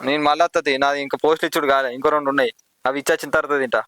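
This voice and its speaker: Guy doing a riled up young postman from the village, telangana accent, highish quick voice. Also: fairly even intonation, a bit bright, no echo, close to an everyday voice. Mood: curt. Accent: Telangana Telugu. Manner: pleading, then heated and indignant. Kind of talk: village drama acting.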